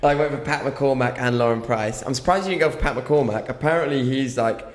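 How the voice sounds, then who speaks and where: A man's voice: mid-range voice, brisk. Man, British, podcast co-host, laid-back, hesitant, echoey room. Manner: laid-back, hesitant with ums and self-mocking laughs. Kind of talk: casual chat.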